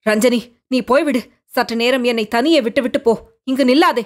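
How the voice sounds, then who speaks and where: A woman's voice: a little high, moderate pace, natural voice. A woman doing a stern Buddhist monk. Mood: grieving. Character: older male Buddhist monk, scheming, stern.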